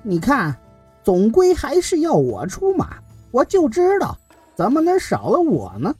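女声演绎的得意洋洋的小老头，音高很高，起伏极大，广播剧角色. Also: female voice, high-pitched, huge pitch swings, unhurried, a little mellow, slightly rough, no room sound, soft background music, heavily acted. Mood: smug. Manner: bouncy, self-satisfied and eager. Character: cheeky little old man, boastful and restless. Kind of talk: audio drama acting.

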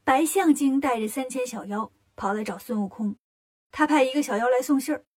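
A woman narrating a children's story in a lively, expressive way. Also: sits high, a little fast.

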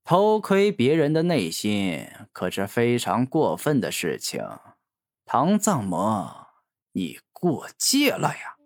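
A male narrator voicing a huge, mocking inner demon in a storybook reading, the voice given a layered demonic effect and drawn out slowly. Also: medium pitch, wildly swooping pitch, dry recording, clean studio sound, full character voice. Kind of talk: audiobook character reading.

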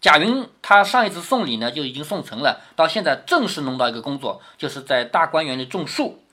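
Lively-voiced man explaining a classic novel. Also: a little high, a little fast. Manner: explains patiently, with frequent rhetorical questions. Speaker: father reading a classic novel to his daughter. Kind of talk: reading aloud a classic novel with explanatory commentary.

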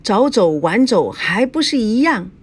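A woman's voice: medium pitch, sing-song, a little slow, slightly rough. A woman voicing a young male fiancé who argues indignantly and angrily, in a storybook reading. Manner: indignant, angry. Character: young male fiancé, proud and quick-tempered.

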